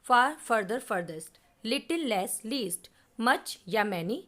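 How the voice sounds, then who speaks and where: A woman teaching English grammar in Hindi, patiently explaining and reading out word lists. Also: a little high.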